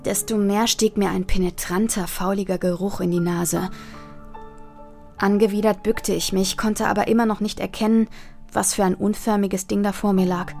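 A woman's voice: medium pitch, darkish tone. A woman reading a scripted horror story aloud, her voice tightening and rising as the tension builds. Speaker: narrator.

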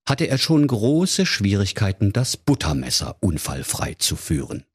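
A man's voice: fairly low pitch, slightly rough. A man narrating a humorous fairy tale for children in a playful, theatrical way. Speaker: storyteller.

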